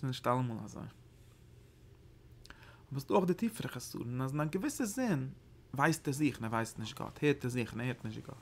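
A Torah teacher leads a study lesson on mystical texts, speaking haltingly and searchingly and often repeating phrases. His voice is mid-range and a bit bright.

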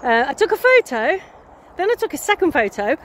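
Brief: chatty woman vlogger outdoors, high and sing-song, wandering self-mocking talk. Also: very animated, fairly quick, a bit bright, a little hiss or hum. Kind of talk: casual rambling vlog.

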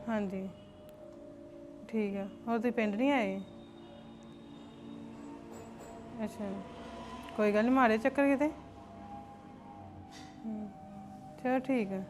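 A woman's voice: fairly high pitch, natural voice. A woman playing a chatty, defensive elder sister-in-law in a family drama.

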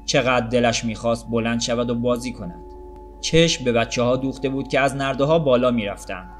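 A man narrating a short story for an audiobook in a calm, measured, literary way. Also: mid-range voice, soft background music. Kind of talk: storybook reading.

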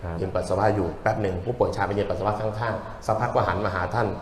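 A man's voice: fairly low pitch, fairly even intonation, quick pace. A man, a Buddhist monk, gives a humorous sermon to a live audience, telling jokes and leading call-and-response. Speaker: Buddhist monk giving a dharma talk. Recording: long hall reverb.

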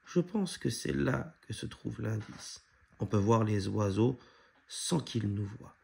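A bright, cheerful little girl in a storybook who works out the clues, as a man reads her lines. The voice has a husky grain under it. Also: on the low side, expressive, takes it slowly, full character voice. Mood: excited.

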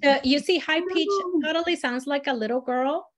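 A woman with a slightly high voice leads a storytelling workshop. She is from Latin America and explains each exercise in a lively, demonstrative way, moving her pitch and loudness around as she models voices for her students. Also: moderate pace. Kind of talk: teaching a live workshop.

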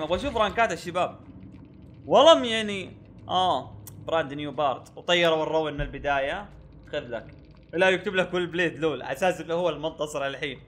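A man's voice: a little high, fairly bright tone. A young man giving gameplay commentary, exasperated and repeating himself with frequent oaths. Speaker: gaming YouTuber.

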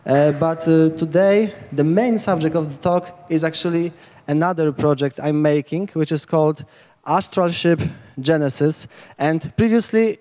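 A Polish man in his thirties gives a rambling, enthusiastic lightning talk into a handheld mic on a large tent stage at a hacker camp. His voice is a little high and dark-toned, and a long reverb tail follows it. The informal conference talk is full of restarts.

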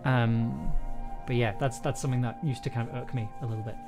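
With music in the background, a young man who makes audio dramas talks casually on his livestream from a small room at home. His mid-range voice is steady and a little fast, but his speech rambles and hesitates as he keeps interrupting himself and starting over.

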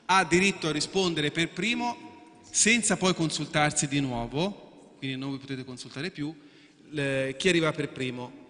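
A man with a high-leaning, sharp voice hosts a live quiz, speaking at normal speed as he explains the rules to contestants. His style is chatty, with repeats and restarts, and he frequently asks for everyone's agreement; the recording echoes around the event hall.

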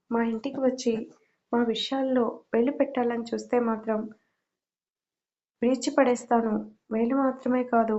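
A woman's voice: on the high side, mellow, muffled recording, natural voice. A woman voicing a furious, threatening young man. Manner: threatening, harsh. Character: furious young man guarding his grieving father.

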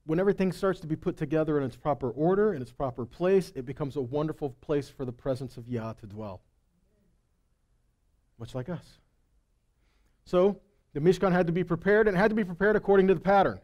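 Speaking at a fairly quick clip in a slightly high voice, this middle-aged man teaches a live sermon with the highs cut off in the sound. He is a preacher and Bible teacher using a headset microphone on an indoor stage in a hall or meeting room. He keeps it conversational and emphatic, often checking in with the audience.

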